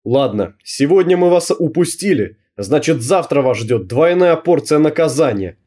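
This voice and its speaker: A man's voice: a little high, big pitch swings, slow pace, darkish tone, breathy edge, pitched above the performer's own voice, heavily acted. A man voicing a menacing teenage gang leader who barks orders, in an audiobook. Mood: spiteful. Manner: barking orders.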